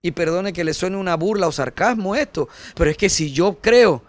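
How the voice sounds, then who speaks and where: A pastor delivers a sermon with earnest emphasis, calling his listeners "brother" and swinging from forceful peaks down to soft, low passages. He speaks at a normal speed, and the recording is dry.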